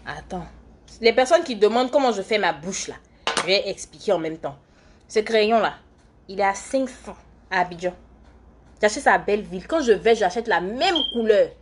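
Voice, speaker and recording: A young woman talks loosely and chattily on a livestream. She rambles from one viewer question to the next while doing her makeup, and her voice sits at a middling pitch. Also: expressive, moderate pace, background noise. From Côte d'Ivoire. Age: young adult. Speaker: live streamer and student. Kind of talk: casual livestream chat answering viewer comments.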